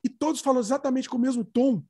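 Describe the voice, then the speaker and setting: High-voiced, enthusiastic Brazilian host. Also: male voice, quick pace, a little mellow. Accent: Brazilian Portuguese. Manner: enthusiastic, interjects and repeats words. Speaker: host of an online channel. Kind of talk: casual conversation.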